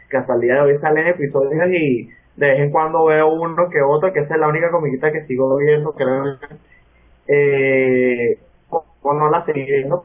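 Opinionated man, phone-thin audio. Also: a little high. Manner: opinionated, relaxed and personal. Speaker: podcast co-host. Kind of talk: casual podcast chat. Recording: tinny online call audio.

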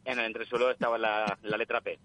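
A man calling in to a show over the phone, telling anecdotes in an unhurried, chatty way. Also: on the low side, level tone, sharp tone. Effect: heard over the phone. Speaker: caller. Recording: muffled phone line.

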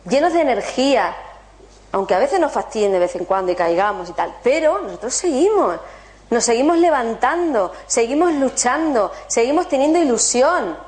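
A woman from talks to a room of listeners. Her fairly high voice is animated and keeps turning to rhetorical questions. She sounds like a spiritual workshop speaker. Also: normal speed, slight background noise. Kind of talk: motivational talk to an audience.

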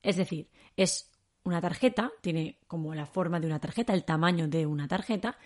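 A woman from Spain with a Spain Spanish accent, teaching a podcast lesson and repeating words slowly for learners. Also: on the low side, a little mellow.

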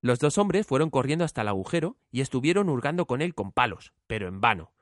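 A man narrating a fairy tale in an expressive storytelling manner. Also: medium pitch, quick pace, no echo, clean studio sound.

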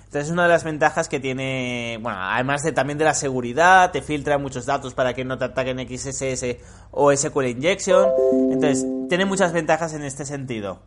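A man's voice: medium pitch, a little fast, music in the background. A man from Spain with a Spanish accent, hosting a casual podcast and talking frankly, swearing freely. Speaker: podcast host.

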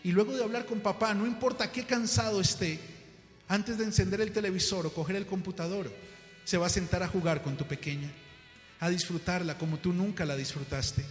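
Man doing a calm gentle spirit messenger, soothing, echoey room and faint music. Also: high-pitched, a little fast, natural voice. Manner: calm, reassuring. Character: calm male messenger come to take a soul.

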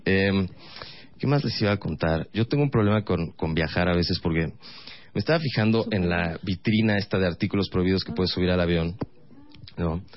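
A man with a Mexican accent doing a stand-up routine, rambling quickly through stories and acting out the quotes. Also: sits low, lo-fi sound. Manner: rapid rambling storytelling with acted quotes. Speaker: stand-up comedian.

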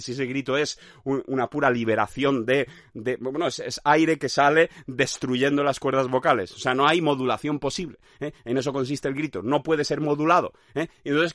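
A man hosting a podcast, musing in a rambling monologue with many filler tags and bursts of high nonsense cries. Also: fairly bright tone, no room sound, clean studio sound. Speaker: podcast host.

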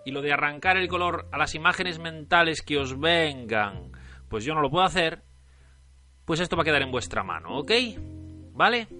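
A man's voice: a little high, animated, moderate pace, sharp tone, soft background music. A man from northern Spain with a Spanish accent, presenting a story like a showman and addressing listeners directly. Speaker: podcast segment presenter, storyteller. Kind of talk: theatrical storytelling radio monologue.

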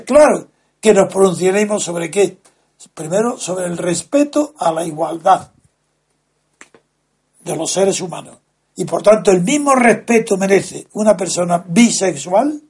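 A man, speaking as a guest in a slow, deliberate, lecturing way, leaning hard on key words. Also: high voice, a little mellow, slightly rough. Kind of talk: measured explanatory talk.

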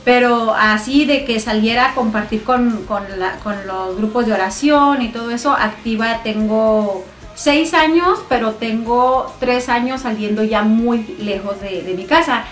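A woman's voice: on the high side, unhurried. Chatty Mexican woman on a radio show. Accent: northern Mexican. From Chihuahua, Mexico. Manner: warm, chatty, laughing, many fillers. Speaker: guest singer and missionary. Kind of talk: radio interview. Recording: roomy studio with faint music.

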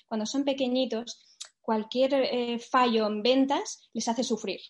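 A woman's voice: on the high side, fairly even intonation, unhurried. A woman guest on a podcast, talking casually and animatedly about recruiting, often acting out what clients say and ending points with tag questions.

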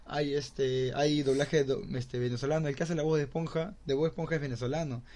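A man co-hosting a casual podcast, agreeable and hesitant, filling pauses with "este" and "claro". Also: on the high side, fairly even intonation, mellow. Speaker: podcast co-host. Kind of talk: casual debate chat.

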